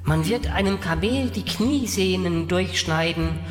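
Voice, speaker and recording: A man's voice: sits high, expressive, a little slow, voice pushed up. A man putting on a sweet, eerie vengeful goddess. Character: vengeful goddess, female, sweet yet terrible voice. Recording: roomy long reverb, faint music.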